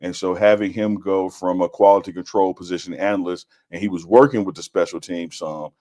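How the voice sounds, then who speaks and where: A man co-hosting a sports stream who breaks down coaching moves in a measured, step-by-step way. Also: deep voice, steady tone, warm tone. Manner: measured, explains points step by step. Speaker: co-host and analyst. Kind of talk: sports analysis chat.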